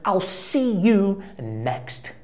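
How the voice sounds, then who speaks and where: A woman from Brazil with a Brazilian Portuguese accent, an English teacher giving a casual lesson to camera and slowing down to spell out English example phrases. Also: medium pitch, big pitch swings.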